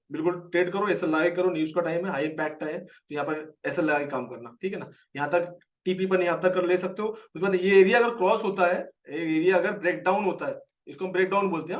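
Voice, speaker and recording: A man with an Indian accent teaches a live trading lesson, explaining a chart and answering viewers by name. His voice sits high and is recorded from a distance.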